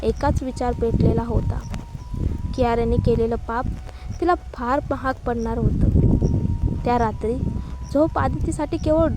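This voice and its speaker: A woman reads a romantic drama story aloud as scripted narration. Her voice sits a little high, and she carries every character's lines herself without much change of voice, now and then stumbling and restarting a word. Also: measured pace, long pauses, very noisy. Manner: small slips and restarts.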